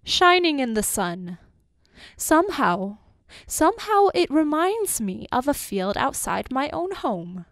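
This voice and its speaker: A woman voicing a weary old father who speaks calmly and dreamily with stately courtesy, in a dry close recording. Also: on the high side, a little slow, no room sound, close to an everyday voice. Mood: dreamy.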